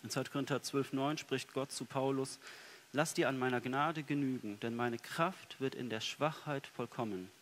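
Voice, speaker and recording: A man's voice: medium pitch, moderate pace. Earnest German male preacher, faint hiss. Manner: earnest, shifts between soft and emphatic delivery. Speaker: pastor. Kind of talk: sermon. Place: church.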